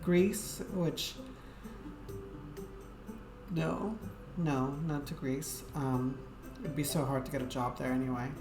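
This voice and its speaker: A woman game streamer rambles to her viewers in a casual, hesitant way, filling her speech with fillers. Her voice is extremely low and slow, broken by long pauses. The room is echoey, with game music playing.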